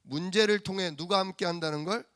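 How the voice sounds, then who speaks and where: A man preaching a sermon as pastor, animated and full of rhetorical questions to the congregation. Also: high-pitched, a little fast, smooth, no room sound, clean studio sound. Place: church sanctuary.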